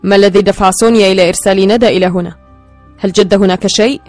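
A woman reading the part of a middle-aged man who speaks with calm assurance. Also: medium pitch, rapid-fire, faint music behind, natural voice. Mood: assured. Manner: assured, firm.

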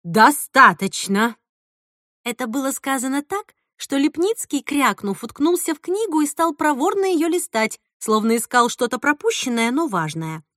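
A woman reads a novel aloud with animated, expressive storytelling. Her voice sits fairly high and bright, swinging widely in pitch, and the recording is dry and close. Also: no echo. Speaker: audiobook narrator. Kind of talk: expressive audiobook narration.

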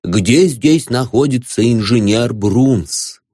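Humble sly priest, slow and groveling, done by a male narrator. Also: medium pitch, darkish tone, no echo, studio quality, close to an everyday voice. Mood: fawning. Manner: slow, fawning, pleading. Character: humble scheming middle-aged male priest.

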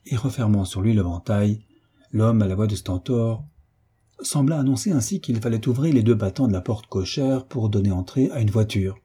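A man narrating a classic novel as an audiobook, measured and steady. His voice is low and husky, with a very dark, mellow tone. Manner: measured, storytelling.

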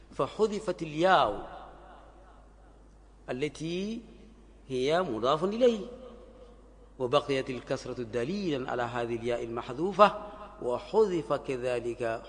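A man teaching a classical grammar lesson, in a voice of middle pitch. He goes back over words and examples and repeats them slowly. The room has a long, echoing reverb. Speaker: sheikh teaching Arabic grammar.

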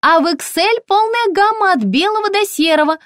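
A chirpy, relentless young shop assistant chatters in a high, ringing voice, as a woman reading an audiobook puts her on. Her lines bounce up and down lively, close and dry. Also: moderate pace, no room sound.

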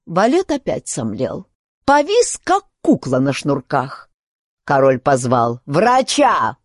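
Slow, lively woman narrating verse. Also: very deep voice, no room sound, studio quality. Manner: lively, sing-song rhythmic reading.

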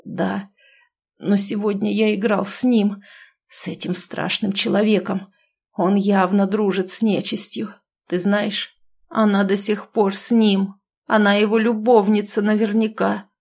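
A woman voicing a ruined older nobleman who speaks in slow, hushed, despairing tones. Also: mid-range voice, little pitch movement, vocal fry. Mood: confessing.

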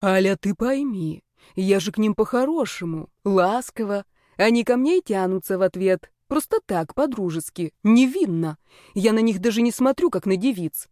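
A whiny, sweet-talking young male snake shapeshifter, as a woman reader puts him on. He plays the innocent in a higher, thinner voice. The storybook read is dry and close, with no room sound. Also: expressive, moderate pace, dark tone, no echo, lightly acted. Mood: wheedling. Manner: whining, wheedling, innocent-acting.

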